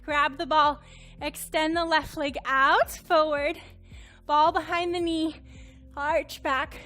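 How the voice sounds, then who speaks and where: A woman's voice: high-pitched, steady tone, slow, pushed and bright, soft background music. A woman instructor cueing a Pilates workout, counting reps and encouraging, a little out of breath. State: slightly out of breath.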